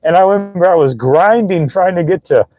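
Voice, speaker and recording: A man's voice: high voice, brisk, warm tone, low-quality recording. Earnest young man giving a pep talk. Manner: earnest, emotional, swearing casually. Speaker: vlogger. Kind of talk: motivational talk to viewers. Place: gym. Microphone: phone.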